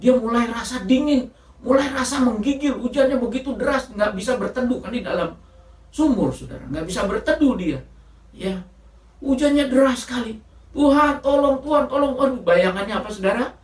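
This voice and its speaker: A woman preaching a sermon, spinning a story with lively delivery and calling out to her congregation. Her fairly high voice echoes around a church. It is heard from some distance. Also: a little fast. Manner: animated storytelling, often addressing the congregation as saudara.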